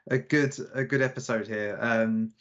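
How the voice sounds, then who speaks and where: A man's voice: lowish voice, steady tone, moderate pace, fairly bright tone. A man hosting a podcast, asking questions in a casual, rambling way with frequent restarts. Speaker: podcast host. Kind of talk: conversational podcast interview. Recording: dull lo-fi podcast audio.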